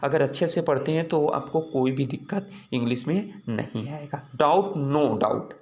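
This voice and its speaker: A teacher explains silent letters in an unhurried, conversational way, recorded in a room with plenty of echo. Each rule is turned into a question and answered right away, with frequent checks like "okay?" thrown in. The voice sits at a middling pitch and talks to the audience as friends. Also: highs cut off. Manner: keeps checking with "ठीक ना" and addresses viewers as friends; asks rhetorical questions and answers them. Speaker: English teacher. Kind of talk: casual spoken lesson on English silent letters. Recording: roomy echoey room.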